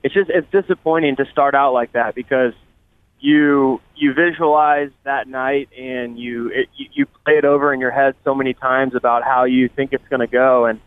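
A man calling in on speakerphone while he drives, talking in a relaxed, halting way. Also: medium pitch, clear, resonant tone, no room sound. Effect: on speakerphone in a car. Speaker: guest player. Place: driving in a car. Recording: tinny phone line.

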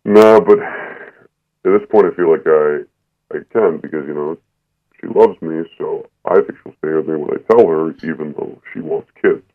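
A man's voice pushed extremely low by a voice changer, so it sounds disguised and deep. It reaches us over a thin, tinny phone line. He is a caller in his thirties who speaks bluntly and unapologetically, often halting mid-sentence. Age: 30s. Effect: voice changer making it disguised and deep. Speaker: anonymous caller. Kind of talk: call-in radio conversation.

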